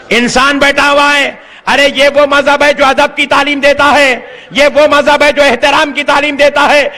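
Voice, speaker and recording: A man with a Deccani Urdu accent preaching an impassioned, rhetorical sermon that bursts into shouting, to a large religious gathering. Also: extremely high pitch. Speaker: Islamic preacher. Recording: long hall reverb over loudspeakers.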